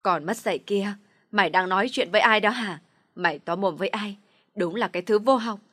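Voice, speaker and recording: A woman's voice: mid-range voice, brisk, a bit bright, dry recording, studio quality, lightly acted. Harsh old grandma scolding with contempt, a woman reading it, story narration. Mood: scornful scolding.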